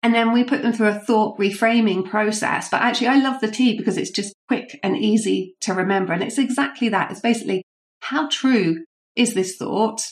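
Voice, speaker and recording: A woman's voice: mid-range voice, fairly quick. A woman, a leadership coach answering interview questions in an explanatory way and sharing anecdotes.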